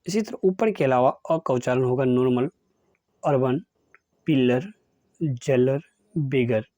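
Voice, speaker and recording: A man's voice: mid-range voice, measured pace, dark tone, no room sound, clean studio sound. A man teaching English spelling and pronunciation rules, explaining each rule and then reading out example words one by one. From India.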